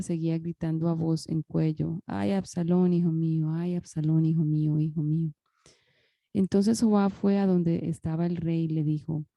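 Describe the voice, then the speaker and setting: A woman reading a Bible passage aloud, careful and measured, sometimes restarting a word. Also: lowish voice, creaky, warm tone, dry recording. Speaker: scripture reader.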